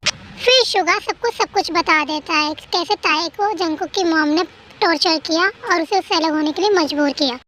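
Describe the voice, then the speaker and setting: A storyteller with a very high voice performs every part of a dramatic fan story, pleading and emotional in the dialogue. A faint hiss sits under the recording. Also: normal speed, pushed and bright. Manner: acts out each character's dialogue with pleading emotion. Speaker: storyteller voicing every character. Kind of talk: dramatic fan-fiction reading.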